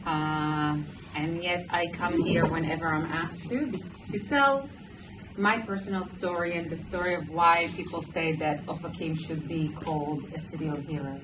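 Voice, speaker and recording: A woman's voice: low voice, steady tone, normal speed. A woman with a Moroccan-influenced Israeli accent telling a personal story to a group, often restarting and rephrasing her sentences. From Israel, small moshav near Modi'in. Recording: noisy, distant microphone.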